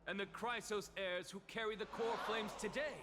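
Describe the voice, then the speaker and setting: An actor playing a haughty, theatrical scholar in a video game, lecturing an assembly with pompous, taunting, villain-like drawl. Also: male voice, high voice, steady tone, moderate pace, noisy background, close to an everyday voice. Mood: triumphant declaration. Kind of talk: video game dramatic acting. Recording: long hall reverb, loud music behind. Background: game music.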